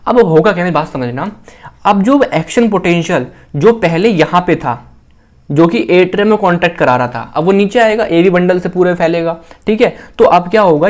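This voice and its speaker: A man with an Indian accent giving a casual classroom-style physiology lecture, often repeating phrases and asking the listener questions. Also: on the high side. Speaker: physiology teacher.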